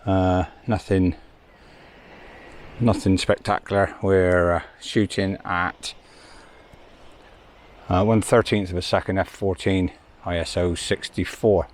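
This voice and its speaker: Low-voiced man vlogging outdoors. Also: level tone, a little hiss or hum. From United Kingdom. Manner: rambling, halting with fillers. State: out of breath. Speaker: landscape photographer. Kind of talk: casual vlog narration. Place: outdoors on a beach and coastal cliffs.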